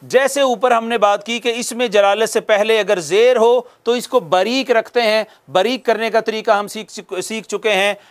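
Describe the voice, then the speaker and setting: A man's voice: sits high, moderate pace. A man teaching a tajweed lesson, patiently explaining pronunciation and drawing out recited words for students to repeat. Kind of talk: slow spoken tajweed lesson with recited examples.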